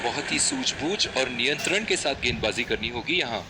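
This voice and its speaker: A man voicing an excitable cricket commentator in a video game, with animated, dramatic phrasing. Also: mid-range voice, brisk, natural voice. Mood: excited, engaged. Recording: noisy stadium game audio.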